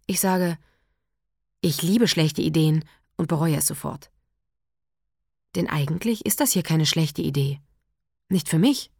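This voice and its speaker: A woman with a lowish voice reads a literary piece in a quiet, measured, intimate manner. The sound is close and dry, with no room around it. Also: vocal fry, slightly rough, dry recording. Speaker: narrator. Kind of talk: literary reading.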